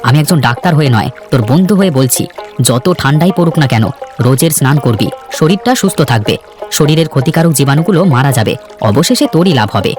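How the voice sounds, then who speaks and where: In Bengali cartoon voice acting, a man plays an earnest, plain-spoken young villager in a fairy tale, sounding friendly but slightly chiding. His natural voice is fairly high, expressive, fast and a little mellow. Background music plays under him.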